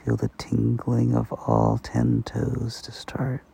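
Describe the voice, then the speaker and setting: A man softly guiding a sleep meditation, speaking slowly and slipping into whispers. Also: mid-range voice, completely flat delivery, gravelly, breathy edge. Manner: slow, soft-spoken, partly whispered. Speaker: meditation guide.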